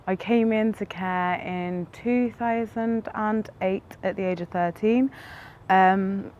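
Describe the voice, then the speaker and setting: A woman's voice: medium pitch, steady tone, slow, highs cut off, a little hiss or hum. A woman of twenty-two, a psychology student who grew up in care, speaking candidly to camera. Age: 20s. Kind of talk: interview to camera.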